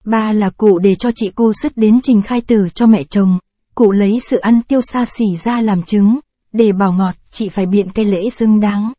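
Woman reading a story in a mellow voice. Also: medium pitch, dry recording. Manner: measured, expressive storytelling. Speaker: narrator.

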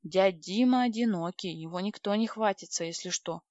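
A woman reads a first-person audiobook with lively, wry expression at a middle pitch. The voice is close and dry. The recording is slightly dull and lo-fi. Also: normal speed, dry recording. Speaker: audiobook reader.

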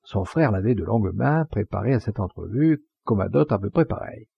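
Male audiobook narrator, low, gravelly and husky, measured pacing, dry dull lo-fi recording. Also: expressive, a little hiss or hum. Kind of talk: scripted literary narration.

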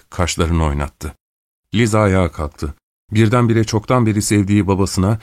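A man reading a classic novel aloud, calm and measured. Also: no echo, studio quality. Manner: calm, measured reading; raises pitch for female characters' quoted lines. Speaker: audiobook narrator. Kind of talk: scripted literary narration.

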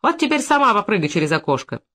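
A woman's voice: mid-range voice, big pitch swings, quick pace, sharp tone. A woman reading an audiobook, voicing an insolent, mocking petty-thief man. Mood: threatening.

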